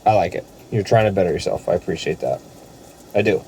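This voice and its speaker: A man's voice: low-pitched, animated, quick pace, a little mellow, slight background noise. A man chatting casually in a vlog, telling stories loosely with lots of filler words, indoors. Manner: laid-back storytelling with filler words. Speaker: vlogger.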